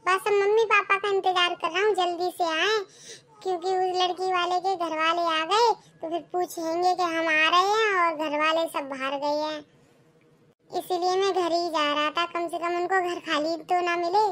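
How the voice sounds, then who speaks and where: A woman puts on a cheeky young groom for a village cartoon. The voice is very high and bright, with a boyish, chirpy way of talking. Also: steady tone, normal speed. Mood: chatty. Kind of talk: cartoon dialogue.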